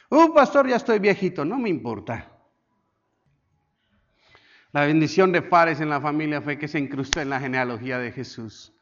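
A man's voice: a little high, fairly bright tone, dull audio. A male pastor with a Colombian accent preaching a sermon, repeating key words, urging the congregation to say them back, and acting out little scenes in shifting voices. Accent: Colombian Spanish. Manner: repetitive, exhortative, calls the congregation to repeat words.

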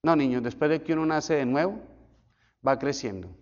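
A man in his forties, a pastor preaching a sermon in an animated way and acting out the voices he quotes. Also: fairly high pitch, normal speed. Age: 40s. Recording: echoey hall, dull lo-fi sound.

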